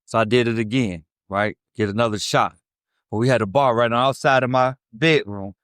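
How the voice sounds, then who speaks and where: Speaking at a moderate pace and medium pitch, his voice slightly bright, a fifties-aged Chicagoan from the South Side gives his recovery story to a meeting. He's blunt, profane, and streetwise, leaning on "right?" again and again, and the studio sound is clean with no echo.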